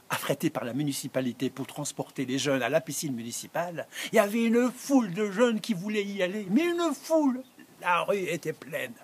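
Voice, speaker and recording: A man telling a comic story on stage, lively and playfully conspiratorial. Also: on the high side, a little hiss or hum.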